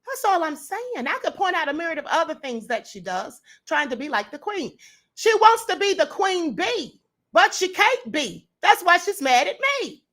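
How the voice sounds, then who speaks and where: Smug, sarcastic American woman, high bright voice. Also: very animated, moderate pace. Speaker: online video host. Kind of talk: exposé commentary talking to viewers.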